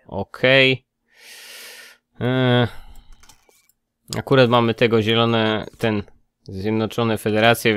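A man's voice: fairly low pitch, smooth, dry recording. A man casually commenting on his gameplay, thinking aloud and muttering as he checks details. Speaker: let's play gamer.

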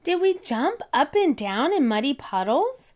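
A woman's voice: high voice, a little slow, voice pushed up. A woman voicing an eager, cheerful little girl piglet in a read-aloud storybook. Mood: excited. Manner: eager, excited questions.

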